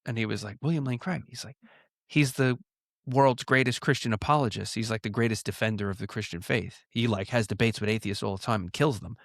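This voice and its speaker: A man's voice: lowish voice, fairly quick, creaky, no echo, studio quality. Earnest man in his thirties from New York. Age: 30s. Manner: earnest, storytelling, lively. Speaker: pastor guest. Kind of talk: casual conversation.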